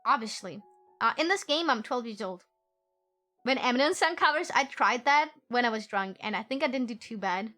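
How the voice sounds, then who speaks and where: A woman streamer chatting casually and excitedly while playing a game, often talking fast. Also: a little high, faint music behind.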